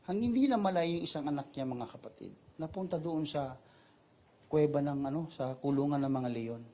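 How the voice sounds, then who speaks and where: A male pastor delivers a sermon in a storytelling way. He moves freely between Tagalog and English, and his voice climbs high and intense at the dramatic moments before settling back down. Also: animated, fairly quick, warm tone. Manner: storytelling preacher, mixing Tagalog and English, pitch rising sharply in dramatic parts.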